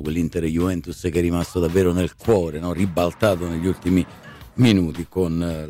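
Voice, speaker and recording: A man's voice: low-pitched, darkish tone. A middle-aged man hosting a live radio show in a chatty, conversational way, often checking in with tag questions.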